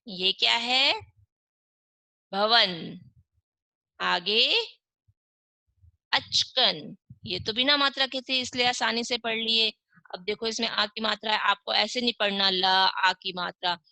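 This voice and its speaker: A woman's voice: medium pitch, creaky, bright, forceful tone, no echo, rough recording. A woman teaching young children in an online class, reading words syllable by syllable and asking and answering her own questions. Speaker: primary school Hindi teacher.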